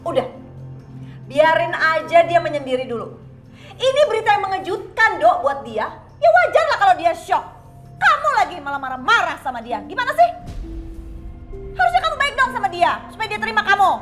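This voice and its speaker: Protective mom snapping at the dad, very high lively voice, echoey room. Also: female voice, soft background music, heavily acted. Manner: scolding, quick, then soothing. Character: protective middle-aged mother, scolding yet gentle. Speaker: mother.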